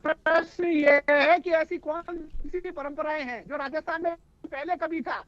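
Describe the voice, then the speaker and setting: A man's voice: very high voice, fairly even intonation, a little slow, fairly bright tone, dry recording, highs cut off. A man arguing as an opposition spokesperson, insistently demanding answers and interrupting. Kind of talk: heated political debate.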